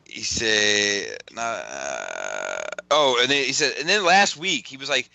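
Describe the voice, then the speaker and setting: Laughing storyteller man, bright and dry. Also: medium pitch, big pitch swings, takes it slowly, gravelly, dry recording. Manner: rambling storyteller, laughs often, retells texts with swearing. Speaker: podcast host. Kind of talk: casual chat.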